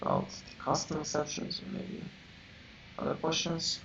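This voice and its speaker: A man teaching a programming class, halting and searching for words as he explains, heard from a distance. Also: a little high, fairly even intonation, vocal fry, fairly bright tone. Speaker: programming instructor. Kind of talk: live coding lecture. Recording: roomy, distant, dull lo-fi mic with faint hiss.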